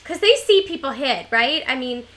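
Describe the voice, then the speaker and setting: A woman's voice: high-pitched, lively intonation, normal speed, fairly bright tone, poor audio. A woman hosting an interview, chatting eagerly and agreeing with her guest. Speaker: show host. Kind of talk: casual interview chat.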